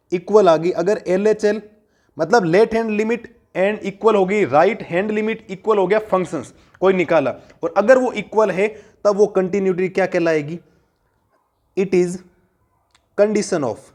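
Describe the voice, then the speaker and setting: High-voiced man teaching a math lesson. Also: a little mellow. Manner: asks the class questions and answers them himself, repeats key points.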